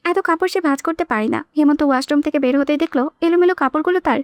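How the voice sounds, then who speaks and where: A woman narrates a romantic novel in a high, clear voice. The recording is close and dry, with no room sound. She gives the characters' lines a touch of their own tone. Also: fast, no echo. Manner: reads all characters herself, shifting tone for quoted lines. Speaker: audiobook narrator.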